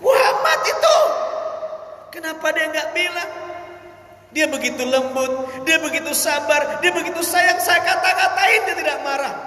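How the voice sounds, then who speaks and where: A man voicing an old man who cries out in high-pitched amazement at the kindness of the one who fed him. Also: unhurried, pushed and bright, echoey room, in a large hall, full character voice. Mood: astonished. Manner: high, wailing, exclaiming.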